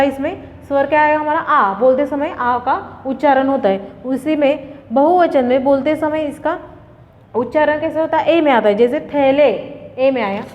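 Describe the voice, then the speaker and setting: A woman teacher explaining grammar to students, asking questions and answering them herself, with many fillers. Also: high voice. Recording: dull lo-fi sound with long reverb.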